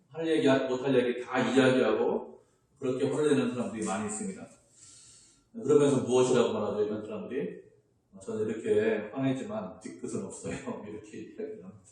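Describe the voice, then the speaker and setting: A man's voice: medium pitch, darkish tone. A middle-aged man preaching a sermon as pastor, asking the congregation questions and answering them himself. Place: church sanctuary. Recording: echoey hall, voice from far off.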